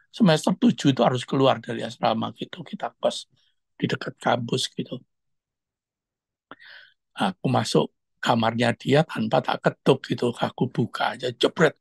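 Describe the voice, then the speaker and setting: A man's voice: mid-range voice, creaky, slightly rough, no room sound. A man, casually telling a personal story during an online devotional sharing and acting out the quoted speech. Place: online video call.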